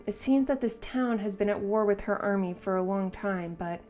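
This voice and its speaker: A woman's voice: mid-range voice, normal speed, a little mellow, faint music behind, lightly acted. A woman voicing a stern, unyielding female elf mage from a manga in a matter-of-fact manner. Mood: stern, dry.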